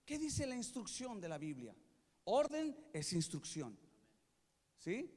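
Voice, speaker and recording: A man's voice: high voice, wildly swooping pitch, slow, a little mellow. A male pastor preaching a sermon, asking the congregation to repeat after him and checking if they follow. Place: church sanctuary. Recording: long hall reverb from a church.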